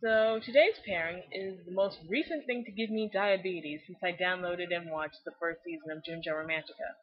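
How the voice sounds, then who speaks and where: A young woman with a fairly low voice hosts a fan video series, delivering scripted commentary at a moderate pace. She is sarcastic, exaggerated and profane, recorded on a lo-fi mic against a noisy background.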